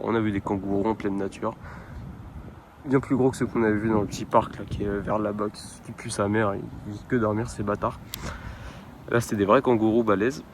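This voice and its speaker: A young French man talks loosely into his phone on a windy waterfront at night, trailing off, restarting and dropping slang as he goes. His voice sits fairly low, and wind buffets the phone mic throughout. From France. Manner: rambling, informal, lots of hesitations and slang. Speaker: vlogger. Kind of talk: casual travel vlog chat. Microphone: handheld phone camera. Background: wind and outdoor ambience.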